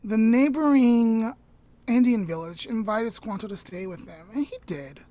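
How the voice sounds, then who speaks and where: A woman with a mid-range voice casually retells a story to her podcast co-host, taking her time and often trailing off into a soft near-whisper. She throws in chatty asides and corrects herself along the way. There is no room sound.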